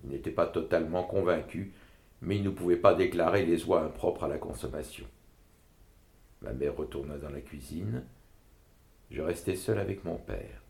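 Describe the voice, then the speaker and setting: Male story reader, low and gravelly, expressive, recorded in a roomy echo. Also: moderate pace. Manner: expressive, dramatic. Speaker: narrator. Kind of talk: literary story reading.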